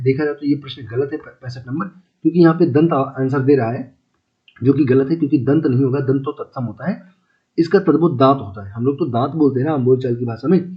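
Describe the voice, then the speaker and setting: A man's voice: mid-range voice, brisk. Chatty male Hindi tutor, lo-fi audio. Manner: repeats key words, asks checking questions; chatty, calls listeners brother and friends. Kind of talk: casual exam-prep lesson. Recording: slightly dull lo-fi audio.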